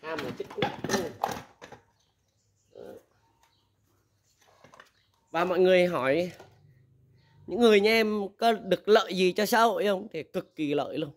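A man's voice: high-pitched, expressive, measured pace, long pauses, slight background noise. Male, candid used-machinery dealer; blunt, casual advice talk. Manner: blunt, candid, laughs often, acts out quoted dialogue.

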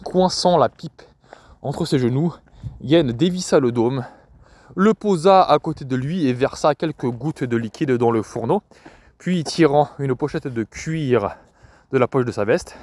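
A man narrating a novel in a measured, even reading voice. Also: mid-range voice, no echo. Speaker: audiobook reader. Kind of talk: scripted narration.

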